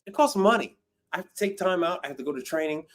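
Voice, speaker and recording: A fast-talking commercial appliance service technician in his fifties answers viewer questions on an unscripted livestream. His voice is on the high side, animated and a bit bright, and he speaks bluntly and emphatically, repeating phrases and swearing freely.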